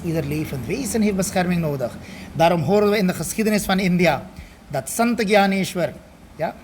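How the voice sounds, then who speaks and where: High-voiced swami teaching a study group. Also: male voice, slight background noise. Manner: explanatory, checks in with listeners with "ja?" and "toch?"; mixes Hindi and Sanskrit phrases into his talk.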